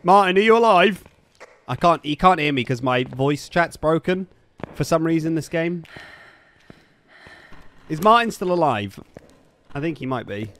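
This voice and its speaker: A young man from Somerset, England, with a Somerset accent, streams a ghost-hunting game and chats casually into a boom-arm studio mic at his desk in a small room. His voice is fairly high and bright with lively intonation, slightly slow with long pauses, and there's a little hiss or hum.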